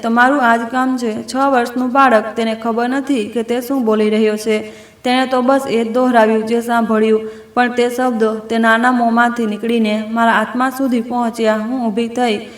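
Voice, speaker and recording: A woman reading a first-person family story aloud in an emotional, measured storytelling manner. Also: on the high side, reverberant.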